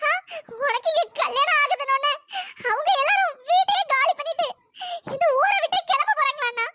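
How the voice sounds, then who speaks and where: A woman's voice: very high voice, a little fast, background noise. A woman voicing a worried younger sister in a cartoon story, earnest and pleading.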